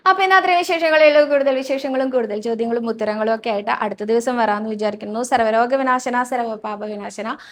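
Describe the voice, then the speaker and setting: Woman host, devotional Q&A, slightly high voice, soft and reassuring, personal storytelling. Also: quick pace, hardly any pauses, a little hiss or hum. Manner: soft, reassuring, often ends sentences with a friendly tag; tells personal stories. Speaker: devotional host answering viewers' questions. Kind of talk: gentle devotional talk.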